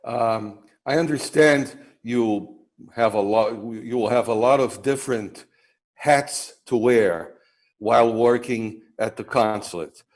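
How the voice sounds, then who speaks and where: Older host asking measured questions. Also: male voice, mid-range voice. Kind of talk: interview questions. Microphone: video call.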